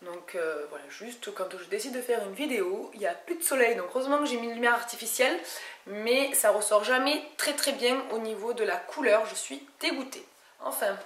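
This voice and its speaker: A woman's voice: on the high side, a little fast, fairly bright tone. Chatty French woman in an echoey room. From France. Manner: chatty, many hesitations and restarts. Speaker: beauty vlogger. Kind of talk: casual haul video chat. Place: home room. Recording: echoey room with faint noise.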